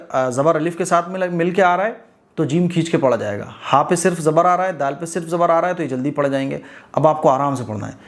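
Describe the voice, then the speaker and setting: A man teaching Quran reading in an informal lesson, talking straight to learners in an encouraging way. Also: fairly high pitch. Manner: demonstrates recitation, drawing out words very slowly; encouraging, direct address to learners.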